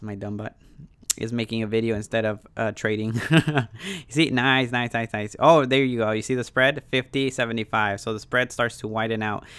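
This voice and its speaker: A man giving casual, off-the-cuff trading commentary in slangy, excitable crypto-bro talk, often repeating phrases for emphasis. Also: mid-range voice, smooth, no room sound. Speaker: stock trading YouTuber.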